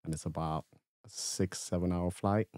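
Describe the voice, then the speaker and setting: Young guy from ethiopia, real low voice, laid back storytelling, dry close sound. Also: normal speed, no room sound. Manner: relaxed, easygoing storytelling. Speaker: podcast guest. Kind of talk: casual chat.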